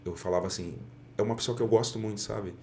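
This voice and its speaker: A man's voice: on the low side, fairly even intonation, quick pace, darkish tone, slight background noise. A middle-aged man, a pastor and podcast guest, telling a testimony in an earnest way and acting out the dialogue he quotes. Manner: earnest storyteller, often acts out quoted dialogue.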